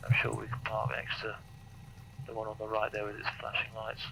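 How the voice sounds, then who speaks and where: A British man working as a flight instructor, giving calm, encouraging step-by-step instructions and chatting casually over a cockpit headset. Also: fairly low pitch, a little fast, gravelly. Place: small aeroplane cockpit in flight and taxiing. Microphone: aviation headset. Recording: noisy cockpit intercom with engine hum.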